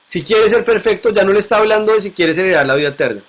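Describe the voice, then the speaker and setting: A man's voice: sits high, animated, fast. A man teaching a Bible lesson to a class, asking questions and repeating key points.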